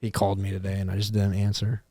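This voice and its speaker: A man's voice: deep voice, completely flat delivery, fast, mellow, dry recording, clean studio sound. A young man co-hosting a podcast, casual and profane, laughing often as he chats. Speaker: podcast co-host. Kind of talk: casual chat.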